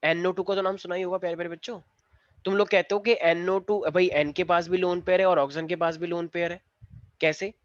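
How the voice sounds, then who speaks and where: A male chemistry teacher with a fairly high voice lectures a class with playful teasing, slipping English terms into his explanations. The sound is dry and close, with a slightly dull, lo-fi tone. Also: flat delivery, brisk, no echo.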